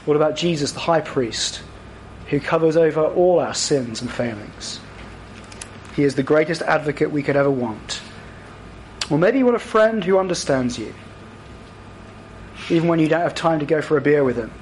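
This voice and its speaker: A man preaching a sermon, earnest, lifting his voice higher when he acts out quotes. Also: expressive, moderate pace, long pauses, slight background noise, low-quality recording. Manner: earnest, rises to higher, louder voicing for acted quotes.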